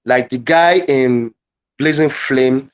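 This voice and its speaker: A man leading a live online teaching demo, halting and repeating phrases as he dictates wording. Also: mid-range voice, smooth, lo-fi sound. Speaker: guest presenter.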